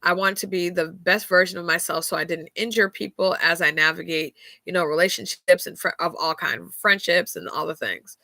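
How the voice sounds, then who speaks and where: Her lowish voice is creaky yet bright and forceful at a normal speed, captured in a dry recording. The podcast host, nose stuffed up, chats candidly about faith with frequent fillers and laughter.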